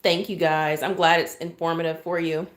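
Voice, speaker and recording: A woman's voice: sits low, level tone, normal speed. A chatty woman, demonstrating cake decorating on a live stream and often thanking her viewers.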